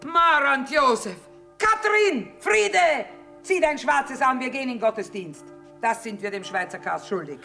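A woman's voice: high-pitched, expressive, a little slow, creaky, sharp tone, faint music behind, full character voice. An actress playing a middle-aged, shrewd, blunt mother who trades in wartime, in earthy speech for a radio drama. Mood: excited. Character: hard-bitten, shrewd, sharp-tongued mother trading in wartime. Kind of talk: German stage-style radio drama acting.

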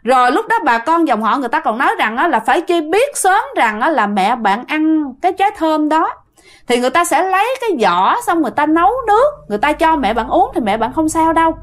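A woman's voice: high voice, very animated, a little fast. A woman telling a ghost story in casual spoken style, talking straight to the listener with many fillers. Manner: addresses the listener directly, many fillers like "á" and "nha".

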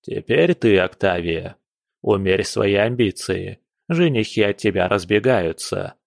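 A man's voice: on the low side, lively intonation, unhurried, gravelly, no echo, studio quality. A man voicing a stern, commanding aristocratic father at the head of his family.

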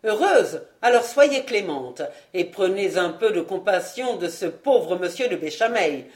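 A blustering, scheming nobleman father in a storybook reading, gruff and sarcastic, his words pitched lower and pushed louder than the narration, as a woman reader puts him on. He swings into booming outbursts. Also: animated, unhurried, lightly acted. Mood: jovial.

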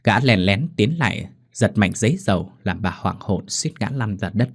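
A man narrating a ghost story in a dramatic, expressive way. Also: lowish voice, normal speed, gravelly, slightly rough. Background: faint music.

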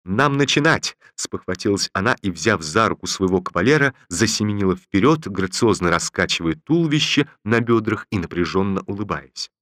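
A man narrating a classic novel in a steady, measured storytelling manner. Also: sits low, dry recording, clean studio sound. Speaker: audiobook reader. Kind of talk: scripted literary narration.

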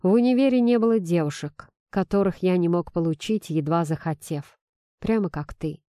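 A woman voicing a stern middle-aged father who speaks in a low, measured, weary way. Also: mellow, no room sound, studio quality, lightly acted. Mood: grim.

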